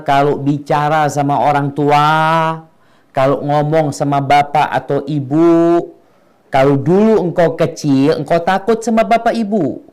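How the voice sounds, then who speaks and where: A middle-aged man preaching a sermon, dropping to quiet low asides and rising to emphatic, slangy appeals.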